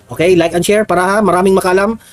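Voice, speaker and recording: A man's voice: high voice, fairly even intonation, fast, dry recording. A Filipino man giving heated, mocking political commentary as a news vlogger, urging viewers to like and share. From Philippines.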